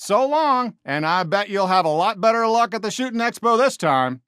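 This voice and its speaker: For a video game, a man voices a friendly, upbeat toy cowboy sheriff with an American accent and folksy Western drawl, delivering animated, encouraging lines. His high, fairly bright, clean voice swings widely in pitch at normal speed, recorded dry with clean studio sound.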